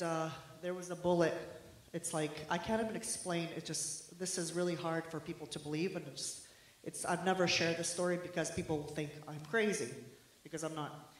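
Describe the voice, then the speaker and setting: A woman gives a halting, earnest personal testimony to a congregation over a handheld microphone. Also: on the low side. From Bosnia. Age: 30s. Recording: echoey room through handheld microphone.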